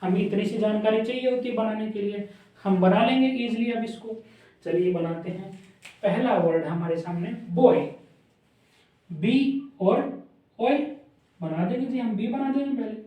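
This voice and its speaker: A man's voice: sits high, a little slow, dark tone. A man teaching a shorthand lesson, repeating sounds aloud as he draws strokes. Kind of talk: classroom lesson. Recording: echoey room from a distant mic, dull.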